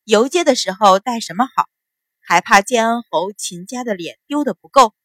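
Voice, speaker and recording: A woman's voice: fairly high pitch, expressive, moderate pace, fairly bright tone, no echo. Woman doing a poised young noble lady, cool and a bit sarcastic, dry sound. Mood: composed. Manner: composed, coolly sarcastic. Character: calm, sharp-witted young noble daughter.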